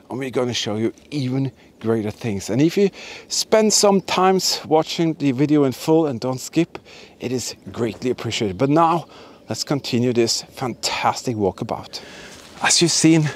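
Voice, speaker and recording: A man with a mid-range, expressive voice speaks at a measured pace while hosting a history-exploring channel. He narrates to camera as he walks outdoors through a forest and ruined buildings, sounding enthusiastic and emphatic and repeating his words.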